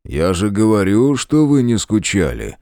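A gloomy, sardonic police sergeant, as a male narrator puts him on drawls his remarks slowly and flatly. The voice is low and the recording dry. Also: no room sound.

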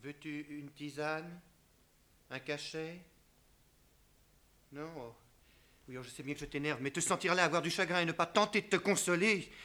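Naive doting husband, coaxing, talkative, slightly high voice, 1950s stage play. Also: male voice, sharp tone. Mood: worried. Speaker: husband consoling his wife.

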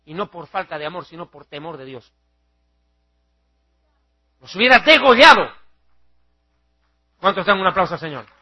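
Male TV preacher, sharp high husky voice, fiery and mocking, lo-fi sound. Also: fast talker, few pauses. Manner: fiery, mocking, acts out shouting crowds. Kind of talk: televised sermon.

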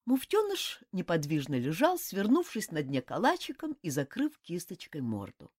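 A woman narrating a fantasy audiobook in an expressive, animated reading. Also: fairly low pitch, moderate pace. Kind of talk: scripted narration of a fantasy novel.

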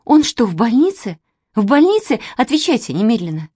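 A frantic young woman from a storybook, put on by a woman reader, firing off anxious, demanding questions in a high, lively voice. The sound is dry and close. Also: a little slow, husky, no room sound, heavily acted.

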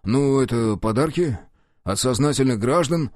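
A man's voice: medium pitch, expressive, normal speed, darkish tone, no room sound, clean studio sound, close to an everyday voice. A man reading an audiobook, voicing a cowardly, corrupt young police officer who whines evasively and pleads.

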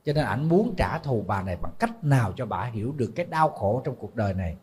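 A man who is a Buddhist monk with a Southern Vietnamese accent, telling a story in a relaxed, conversational sermon and calling himself "thầy". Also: mid-range voice, fast, husky. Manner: conversational, refers to himself as "thầy", laughs at his own slips. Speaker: Buddhist monk giving a dharma talk.

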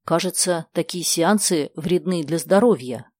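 A woman voicing a gentle, thoughtful schoolgirl who speaks softly and earnestly. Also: lowish voice, measured pace, no room sound, clean studio sound.

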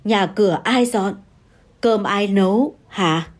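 A woman doing a calm, firm older wife. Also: mid-range voice, takes it slowly. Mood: calm retort. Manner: calm, steady, scolding.

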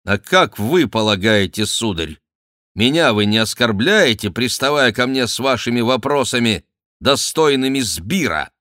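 A man reading aloud puts on a sly young courtier who answers every threat with cool, polite mockery. The voice is bright and lively, swinging up and down in pitch with ironic amusement. The sound is dry and close. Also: measured pace, no room sound. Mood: mocking. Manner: ironic, teasing, politely insolent. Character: mocking cool young male courtier, a nobleman. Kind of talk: audiobook character reading.

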